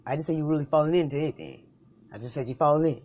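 A woman's voice: deep voice, racing, a little mellow. A woman performing a comedic argument skit, bickering in a heated, profane back-and-forth.

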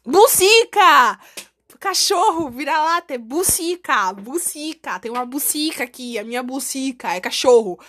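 Podcast co-host, woman, high voice, playful and teasing. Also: expressive, normal speed, hardly any pauses, fairly bright tone. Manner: playful, teasing, bursts of laughter. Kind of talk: casual joking chat.

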